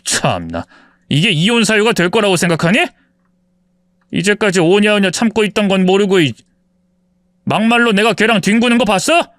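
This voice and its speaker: Guy doing a scornful cheating husband, mocking, bit high-pitched, dead dry sound. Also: expressive, normal speed, long pauses, a bit bright, no room sound. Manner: contemptuous, mocking, self-justifying. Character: arrogant cheating husband, forties, sneering. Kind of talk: dramatized story reading.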